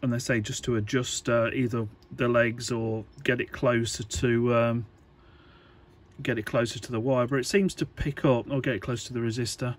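A man speaks like an electronics hobbyist during a casual, unscripted workbench demo, his phrases halting and hesitant. His voice is medium in pitch and steady, with background noise clearly audible.

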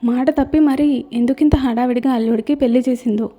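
A woman voicing an angry middle-aged mother who shouts and demands answers in a storybook reading. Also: sits high, steady tone, a little fast.

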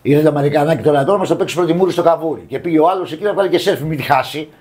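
Man mocking celebrities in gossip chat. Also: on the high side. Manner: scornful, mocking, animated opinions. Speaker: showbiz show co-host. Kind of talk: casual gossip commentary.

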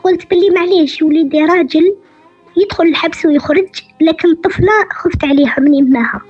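High-voiced Algerian woman over the phone. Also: faint music behind. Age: middle-aged. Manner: halting, many hesitant fillers. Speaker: caller. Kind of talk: telling her story in a call-in show. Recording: dull phone line.

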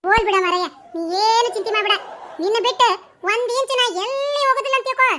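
A dramatic rustic village woman in a cartoon, played by a woman, chattering in a North Karnataka Kannada accent. Her voice sits very high and sounds bright and sharp. She tells her stories excitedly and scolds freely. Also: quick pace. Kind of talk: cartoon voice acting.

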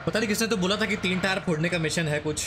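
A man streaming a battle royale match, leading his squad with quick, repeated commands. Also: high-pitched, noisy background. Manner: fast, excitable, repeats short commands. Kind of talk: live gameplay squad chat.

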